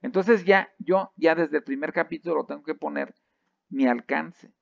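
A man lectures with a heavily gravelly, creaky voice at a middle pitch. He keeps checking in with his listeners and often restarts his phrases. The sound is dry and a little dull. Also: normal speed, no room sound. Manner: lively, asks the class "¿sí?" often, many restarts. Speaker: university lecturer. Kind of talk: classroom lecture.

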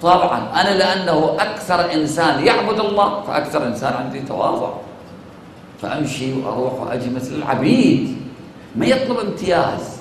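A man with an Iraqi accent delivers a religious lecture in a slightly raised voice. He is measured and emphatic, and he slows on key points and answers his own questions. The sound rings heavily around a large hall, with faint noise underneath. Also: fairly high pitch, very animated. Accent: Iraqi Arabic. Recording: very echoey hall.

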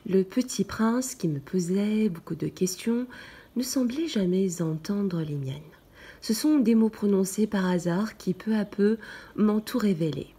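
A woman narrates a storybook slowly and gently, often sinking into a whisper. Her voice is mellow and dark in tone, with a breathy, husky edge. She takes her time over every phrase. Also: mid-range voice, animated. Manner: slow, gentle first-person narration. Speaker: storybook reader. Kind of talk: soft, partly whispered storybook reading.

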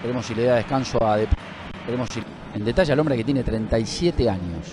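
A man with a middling pitch adds measured football co-commentary. The broadcast around him is clearly noisy. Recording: noisy broadcast, different distant timbre.

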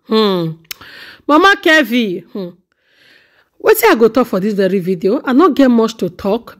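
Chatty Nigerian woman host, lively. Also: medium pitch. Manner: animated, exclaiming, gossipy. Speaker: reaction channel host. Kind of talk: casual commentary on a video.

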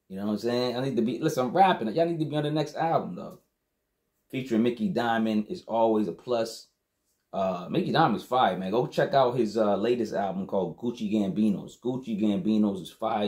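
As the show's host, a man reviews a rap album in a laid-back, slang-heavy way, frequently tossing in "you know what I'm saying." His voice is on the low side and a little mellow.

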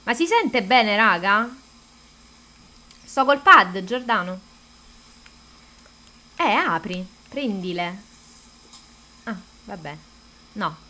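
A woman's voice: medium pitch, animated, drawn-out words, long pauses, sharp tone, slight background noise. A woman chatting casually to her viewers while streaming a game, greeting them and cursing at the controls. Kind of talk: casual live-stream gameplay chat.

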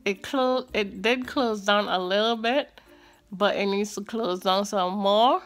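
A woman talks slowly and chattily, her words shaped by braces, a tongue crib and a finger pulling her lip down. Her pitch sits mid-range. Faint music plays underneath. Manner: chatty, frequent filler like and um. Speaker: vlogger. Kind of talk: casual vlog update.

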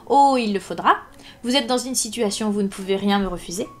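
A cold male ex-inspector who speaks dryly and hard, with menacing precision and a low, level delivery, voiced by a woman reading a novel aloud. Faint music plays under the reading. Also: fairly quick, natural voice. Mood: pressing. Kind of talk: live audiobook reading.

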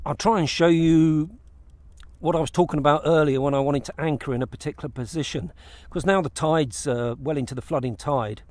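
A man's voice: on the high side, steady tone, a little fast, darkish tone, no room sound. A middle-aged man on a kayak out on open water, talking casually to an action camera and explaining his fishing step by step, often restarting his phrases. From England. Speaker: fishing vlogger. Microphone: action camera mounted on the kayak.

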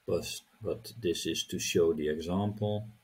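A middle-aged man hosting a crypto channel, walking through a screen-recorded tutorial and often halting to repeat words as he clicks through the steps. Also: low voice, steady tone, darkish tone, husky.

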